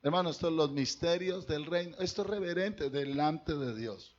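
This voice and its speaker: A man's voice: a little high, moderate pace, dull audio. A man, a pastor preaching a sermon to his congregation in a conversational way, talking straight to them. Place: church.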